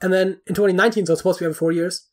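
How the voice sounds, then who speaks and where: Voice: medium pitch, fairly even intonation, racing. A podcast guest in casual chat, explaining at length with many fillers and restarts.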